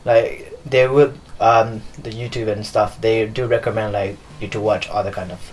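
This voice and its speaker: A man's voice: lowish voice, flat delivery, normal speed, slight background noise, low-quality recording. A young man from Nepal, a dancer and choreographer, answering interview questions in a loose, filler-heavy way while seated in a living room. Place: living room with leather sofas.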